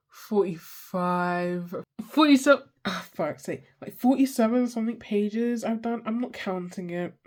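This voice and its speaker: This twenty-something art vlogger chats through a sketchbook tour with a congested, stuffy, slightly mellow mid-range voice. They curse freely, joke at their own expense, and drift off mid-sentence.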